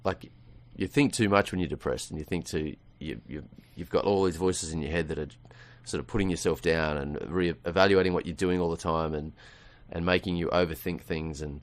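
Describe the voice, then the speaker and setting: Deep-voiced man rambling on a radio chat. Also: fairly even intonation, a little fast, few pauses. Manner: rambling, laughs often, many restarts. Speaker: radio guest. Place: radio studio.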